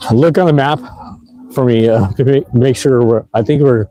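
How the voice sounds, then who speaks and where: With a medium-pitched, dark-toned voice at a moderate pace, an e-bike vlogger casually narrates a night ride through city streets on livestream. He rambles in a laid-back way, with lots of fillers and laughs. The highs are cut off in the audio.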